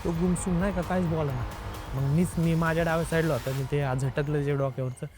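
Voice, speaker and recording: Music plays in the background as a young male guest, fairly high-pitched and fairly quick, casually tells a story from his own life. He keeps it lively by re-enacting the exchanges, with frequent "I said" tags.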